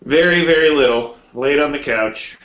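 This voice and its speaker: A low-key man giving short, understated answers in a casual podcast chat. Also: normal speed, fairly bright tone, roomy sound, highs cut off. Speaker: podcast guest.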